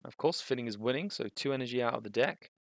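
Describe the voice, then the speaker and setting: A young man giving casual, thinking-aloud commentary on a card game match, with bursts of excitement. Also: medium pitch, quick pace, vocal fry, no room sound.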